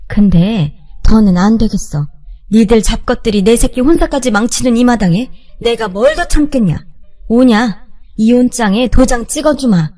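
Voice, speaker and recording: A woman's voice: fairly high pitch, animated, moderate pace, mellow, no room sound. A woman playing a bitter, defiant older mother. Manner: scolding, cold contempt.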